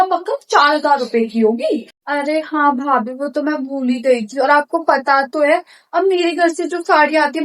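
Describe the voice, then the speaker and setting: A woman in a comedy skit playing a nosy, complaining younger sister-in-law who gossips slyly. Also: high-pitched.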